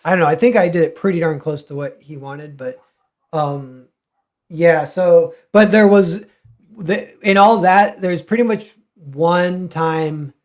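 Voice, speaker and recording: A man's voice: fairly high pitch, unhurried, a little mellow. A man, a comic artist guest, talking casually and ramblingly with many fillers and restarts. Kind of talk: casual livestream chat.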